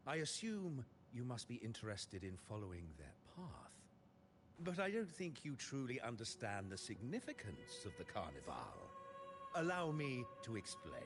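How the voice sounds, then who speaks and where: A man playing a pious, controlled cleric in a video game, speaking in a serene, measured and preachy way. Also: medium pitch. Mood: serene, solemn. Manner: solemn, measured, preachy, formal. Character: pious, controlled zealot cleric of a religious order. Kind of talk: scripted video game dialogue. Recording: background music under the voice.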